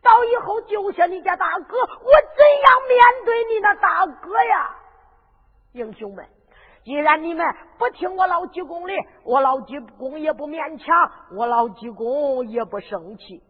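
A woman with a Henan accent voicing an old male monk in a zhuizi storytelling, who scolds tearfully and shouts in lament. The recording is tinny and echoing, with music behind. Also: extremely high pitch, expressive, unhurried. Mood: tearful scolding.

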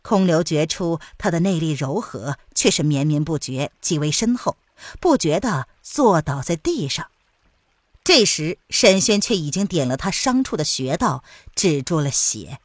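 A woman narrating a martial-arts novel in an expressive storytelling manner. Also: low voice, unhurried, breathy edge, no echo, clean studio sound.

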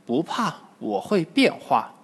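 A man voicing a cunning female skeleton demon in a storybook tale, slow, hushed and sneering. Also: high-pitched, very animated, creaky, slightly rough, in a large hall, full character voice. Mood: scheming.

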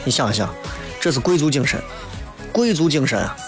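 A man's voice: mid-range voice, very animated, a little fast, soft background music. A man with a Shaanxi accent delivering a colloquial, opinionated monologue as a talk show host, often throwing out rhetorical questions.

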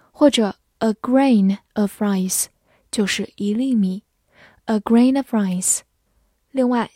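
A woman with a slightly high, mellow voice teaches English vocabulary at an unhurried pace. She is patient and sounds out each phrase slowly for learners to repeat. The recording is dry and close. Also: dry recording. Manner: patient, slows down to model pronunciation. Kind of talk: vocabulary lesson.

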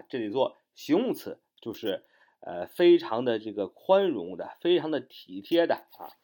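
A man teaching an English grammar lesson in Chinese, explaining step by step with many fillers and reading his English examples slowly and carefully. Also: medium pitch, a little mellow. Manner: spells words letter by letter, slow deliberate English examples; frequent fillers, explanatory and repetitive.

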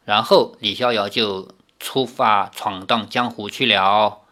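A man's voice: lowish voice, fairly even intonation, slow pace, pushed and bright. A man reading a novel aloud as an audiobook, telling the story expressively. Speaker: narrator.

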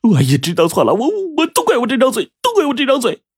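A man storyteller voicing a cowardly village man who stammers and begs, in a husky, raised voice. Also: sits high, sing-song, brisk, a little mellow, dry recording, clean studio sound, pitched above the performer's own voice, heavily acted. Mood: pleading. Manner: stammering, begging.

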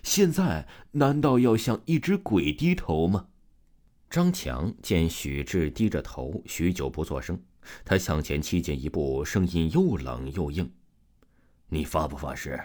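A man narrating a serialized ghost story in a lively, dramatic storytelling manner. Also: low-pitched, unhurried.

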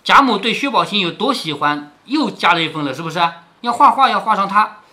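A man's voice: sits high, lively intonation, fairly quick, pushed and bright. A middle-aged man reading a classic novel aloud and stopping to explain it in plain talk, often asking "right?". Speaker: storyteller reading a classic novel to his daughter.

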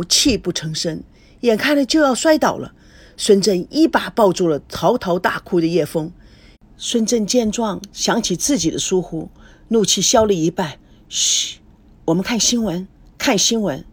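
A woman reading a dramatic family story aloud, voicing every character herself and shouting in the angry scenes. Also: mid-range voice, animated, moderate pace, breathy edge.

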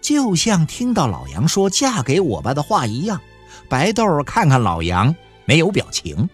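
A man narrating a novel in a folksy storytelling manner with drawn-out fillers. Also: a little high, wildly swooping pitch, faint music behind. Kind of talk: audiobook storytelling.

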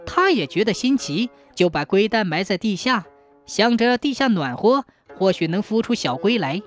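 A woman storyteller narrating a historical folk tale in a lively, expressive way. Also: mid-range voice, normal speed, faint music behind.

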